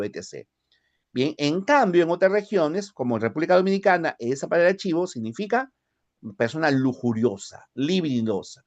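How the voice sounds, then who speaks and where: A man from the Peruvian highlands with a Lima accent, lecturing a language class and often checking in with short tag questions. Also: a little mellow. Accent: Lima Spanish. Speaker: language teacher.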